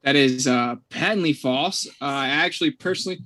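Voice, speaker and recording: A man's voice: medium pitch, fairly quick, bright, forceful tone. A man arguing his side in a debate, assertive and lecturing, often adding "okay". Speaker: debate guest. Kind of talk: debate argument.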